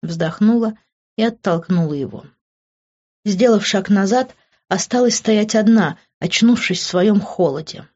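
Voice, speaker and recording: Женщина читает аудиокнигу от первого лица. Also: female voice, medium pitch, a little slow, a little mellow, lo-fi sound. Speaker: audiobook reader. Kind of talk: first-person audiobook narration.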